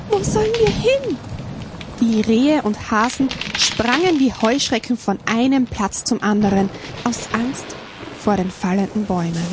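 A woman reading a children's story aloud at a slow, expressive pace. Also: mid-range voice, background noise.

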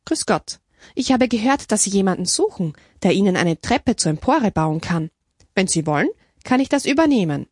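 A woman's voice: mid-range voice, very animated, normal speed, darkish tone, slightly rough, no echo, studio quality. Woman doing a polite old craftsman. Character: old grey-haired man, friendly craftsman.

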